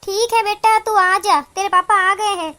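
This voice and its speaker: A woman's voice: very high voice, steady tone, moderate pace, sharp tone. A woman voicing a middle-aged cartoon mother who dotes on her daughter and scolds her daughter's in-laws indignantly. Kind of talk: cartoon voice acting.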